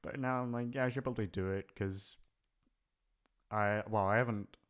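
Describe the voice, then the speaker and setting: This man's voice is on the low side, steady in tone and moderate in pace. An audio channel creator and voice actor, he talks off the cuff in a relaxed farewell vlog, meandering hesitantly, thinking aloud and being self-deprecating.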